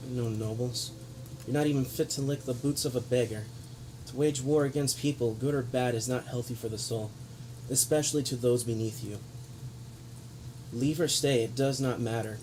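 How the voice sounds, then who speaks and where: Playing a righteous, noble-minded adventurer in a tabletop role-play, a man delivers a solemn, grandiose monologue, lecturing sternly. His mid-range voice is darkish and natural. The recording is low quality with clear background noise.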